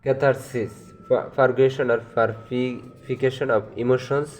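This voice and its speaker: A man with a Bangladeshi accent teaching a lesson, reading out terms one by one and explaining each, moving between English terms and Bengali, with drawn-out fillers. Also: medium pitch, steady tone, darkish tone, a little hiss or hum.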